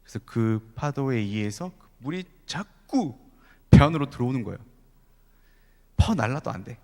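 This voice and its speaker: A man preaching a sermon at a youth service, animated, with frequent rhetorical questions and occasional soft asides. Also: mid-range voice, normal speed. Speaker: youth pastor. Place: large church sanctuary. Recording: long church hall reverb.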